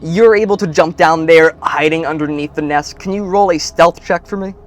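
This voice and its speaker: A man running a tabletop game, narrating scenes with some fillers. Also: fairly high pitch. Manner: unhurried descriptive narration with fillers. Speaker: game master.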